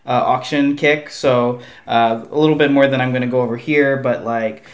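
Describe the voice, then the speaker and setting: A man's voice: medium pitch, fairly even intonation, moderate pace. A man chatting casually as a podcast guest in a hesitant, rambling way. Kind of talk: casual chat about board games.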